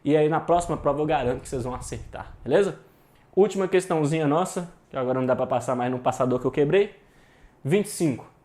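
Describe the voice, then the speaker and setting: A man's voice: a little high, quick pace, darkish tone. A Brazilian man teaching an online exam-prep grammar lesson, informal and emphatic, with slang and the odd swear word, drilling points by repeating them.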